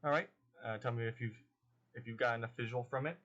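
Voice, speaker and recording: A man's voice: medium pitch, steady tone, a bit bright, highs cut off, a little hiss or hum. Casual man running a tabletop game. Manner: casual, halting, with many fillers. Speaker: game master.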